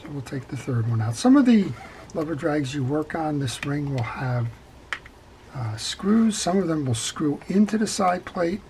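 A middle-aged man calmly talking through a step-by-step reel repair at his workbench, with frequent fillers as he works. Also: on the high side, unhurried, background noise. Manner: calm, practical, talks while working, frequent fillers. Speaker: fishing reel repair instructor. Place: workshop bench.

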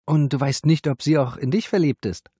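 A man voicing a tense young female library worker, raising his husky voice high for her upset, pleading lines. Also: fairly quick, mellow, dry recording, studio quality.

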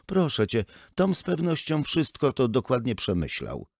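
A man reading an audiobook and voicing a middle-aged wife who placates her family in a hurried, lifted voice. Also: huge pitch swings, a little mellow, no room sound, clean studio sound. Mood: placating. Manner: soothing, raised pitch.

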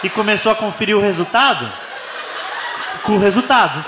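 A man's voice: sits high, lively intonation, fairly quick. A man with a Brazilian accent doing live stand-up, telling a story and acting it out with animation. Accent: Brazilian Portuguese. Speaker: stand-up comedian. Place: stage before an audience. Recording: echoey live venue with noise.

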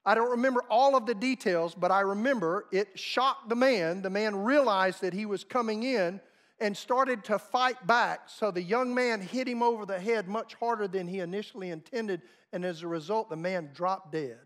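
High-voiced preacher man, emphatic storytelling. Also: normal speed, a bit bright. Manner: storytelling, emphatic, dramatic swings in volume. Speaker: pastor. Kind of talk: sermon.

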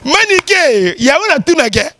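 A man with a very high, bright voice hosts the show with lively commentary. He teases and jokes, often stopping to exclaim and laugh. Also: a little slow. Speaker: show host. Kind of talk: animated commentary.

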